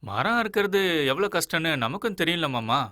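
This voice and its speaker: An actor dubbing a simple, good-hearted young village man in an earnest, gentle way, over a film soundtrack with music. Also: fairly high pitch, big pitch swings, normal speed, no echo, clean studio sound. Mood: sincere. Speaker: lead actor in dubbed film. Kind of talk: dubbed film dialogue.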